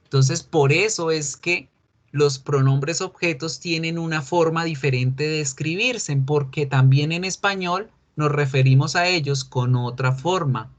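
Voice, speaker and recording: A man's voice: a little high, measured pace. A male English teacher explaining grammar in to his class over a video call, chatty and joking, calling on students by name.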